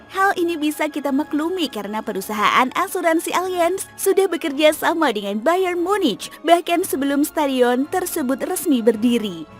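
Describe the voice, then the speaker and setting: A woman with a high voice reads a scripted football explainer in a steady, informative way. Faint music sits underneath her narration. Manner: steady, informative read-aloud delivery.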